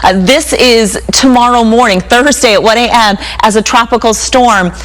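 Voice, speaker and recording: A woman's voice: a little high, moderate pace, fairly bright tone, low-quality recording. A woman weather anchor presenting a live news report on a storm, explaining conditions conversationally.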